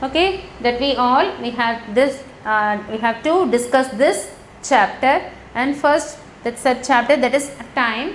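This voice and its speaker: A woman with a Tamil accent teaches young children, spelling words out letter by letter. Her voice sits high and she speaks slowly. The sound is roomy, with a faint hiss behind it. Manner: slow, spells words letter by letter and switches between Tamil and English. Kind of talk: classroom lesson for young children. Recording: echoey room with faint noise.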